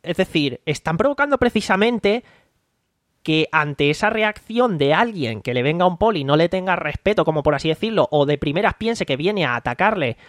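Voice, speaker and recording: A man's voice: on the high side, animated, moderate pace, dry recording. Chatty man, close dry mic. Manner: rambling, recounts scenes by acting out quotes. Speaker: podcast host. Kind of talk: casual podcast commentary.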